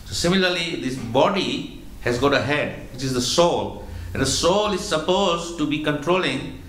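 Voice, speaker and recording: A man giving a religious lecture as a spiritual teacher, explaining slowly and patiently, often repeating words as he goes. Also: a little high, lively intonation, fairly bright tone, reverberant, a little hiss or hum, rough recording.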